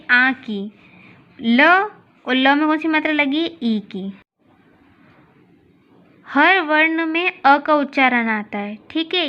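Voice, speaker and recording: Woman teacher, high voice, slow patient classroom walkthrough, dull lo-fi sound. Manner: slow, patient, asks and answers her own questions. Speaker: school teacher. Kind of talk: recorded class lesson.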